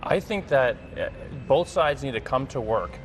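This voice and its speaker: With a mid-range, animated voice at normal speed, a middle-aged American man speaks earnestly as a guest in a news interview, using repetition for emphasis. He is a congressional candidate and former air traffic controller, and a little hiss or hum sits under the recording.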